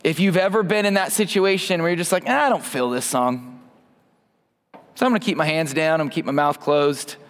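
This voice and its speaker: With a long reverb tail behind his slightly high, brisk voice, a man in his thirties wearing a mic gives an easygoing sermon and prayer in a church hall. He's self-deprecating and keeps restarting his sentences.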